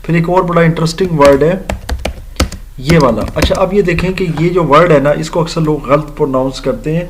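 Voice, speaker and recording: A man gives a recorded English grammar lecture, pitched a bit high for a man. He spells out letters and repeats each word patiently for his students. Faint keyboard clicks and a light hiss sit behind him. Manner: explains slowly, spells out letters and repeats words.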